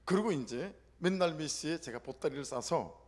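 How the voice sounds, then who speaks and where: A man's voice: fairly high pitch, normal speed. A middle-aged male pastor from southeastern Korea telling a personal story in a sermon, acting out the quotes as he goes. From South Korea, Gyeongsang region. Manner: animated storytelling with acted-out quotes.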